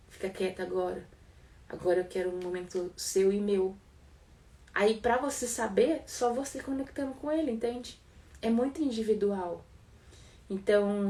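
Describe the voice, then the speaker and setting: A woman's voice: on the high side, mellow, distant mic. A Brazilian woman giving an informal devotional teaching in an earnest, conversational way, often repeating phrases for emphasis. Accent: Brazilian Portuguese.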